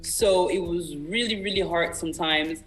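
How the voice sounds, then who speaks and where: A young French-speaking man, an independent singer-songwriter, is a guest in a casual radio interview, speaking earnestly and encouragingly with music faint behind him. His voice is a little high and fairly bright, at a moderate pace, in a rough recording.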